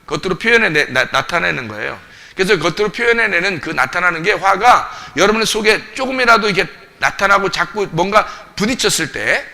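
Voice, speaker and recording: A man's voice: sits high, expressive, fairly quick, creaky, sharp tone. A male pastor preaching a sermon, emphatic and full of rhetorical questions to the congregation, recorded in a church sanctuary. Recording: long reverb of a church hall.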